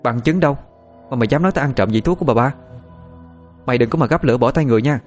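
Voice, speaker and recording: A man voicing a spiteful young female servant who talks in a shrill, sneering, threatening way. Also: normal speed, fairly bright tone, soft background music, close to an everyday voice. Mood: defiant sneering.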